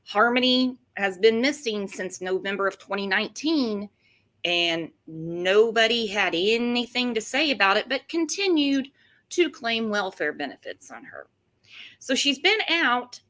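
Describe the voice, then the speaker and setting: Female true-crime host, sarcastic and chatty, bright forceful voice sitting a bit high. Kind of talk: casual true-crime commentary chat.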